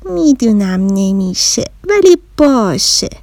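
A woman's voice: mid-range voice, big pitch swings, a little mellow, no room sound. A woman voicing a lazy, timid little bear cub who whines and gives up easily, in a storybook reading. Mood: sulky. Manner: sulky and easily startled.

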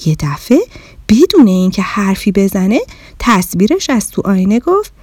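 A woman narrating a children's story in an animated, expressive way. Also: mid-range voice, no room sound, studio quality.

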